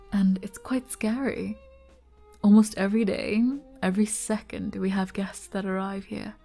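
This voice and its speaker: In an ASMR roleplay, a woman with a mid-range voice plays a flirty, gentle arbiter bartender. She's soft-spoken and coy, explaining things patiently.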